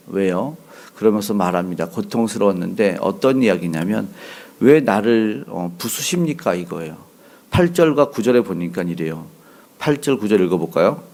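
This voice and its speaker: A man preaching an expository dawn sermon as pastor, earnest, his voice rising when he voices the cries of the afflicted. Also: darkish tone. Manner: earnest, rises in pitch when voicing Job's cries.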